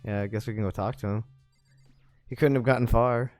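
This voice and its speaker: A man's voice: medium pitch, steady tone, fairly quick, no echo, studio quality, faint music behind. A man casually bantering with a friend while watching a video game, joking, laughing often and rambling off on asides. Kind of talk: casual let's-play banter.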